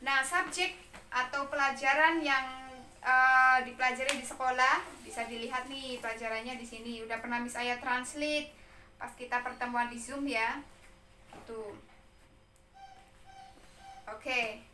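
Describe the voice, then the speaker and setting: A woman's voice: high-pitched, fairly even intonation, unhurried, long pauses, pushed and bright, reverberant, distant mic, slight background noise. A woman teaching English to young pupils, patiently explaining exam material, often checking in with little tag words. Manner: patient, repeats and checks with "ya" and "nah".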